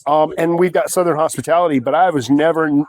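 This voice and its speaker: A man's voice: a little high, fairly even intonation, quick pace, a little mellow, no echo, low-quality recording. A man in his forties from South Carolina, telling rambling, self-deprecating stories with lots of restarts as a guest on a comedy podcast. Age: 40s. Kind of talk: casual storytelling chat.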